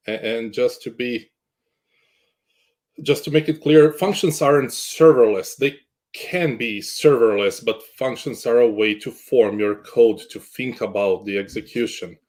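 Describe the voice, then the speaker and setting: A man's voice: medium pitch, a little mellow. A man from Croatia, a guest in a casual interview chat, good-humored and jokey, often restarting his sentences. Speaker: guest, cloud architect.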